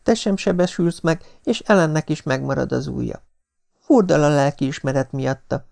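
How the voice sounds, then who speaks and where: A woman's voice: low-pitched, vocal fry, a little mellow, pitched above the performer's own voice. A man voicing a remorseful, devoted young woman in an audiobook. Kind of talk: audiobook character reading.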